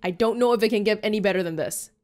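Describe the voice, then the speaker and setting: A woman's voice: mid-range voice, rapid-fire, darkish tone, slight background noise. A young woman giving chatty, giggly commentary while playing a video game. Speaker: let's play host. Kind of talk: casual gameplay commentary.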